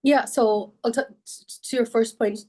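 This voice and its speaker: A woman lawyer answering interview questions in measured sentences, pausing often on fillers and restarting. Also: fairly high pitch, fairly even intonation, a little mellow. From Sudan.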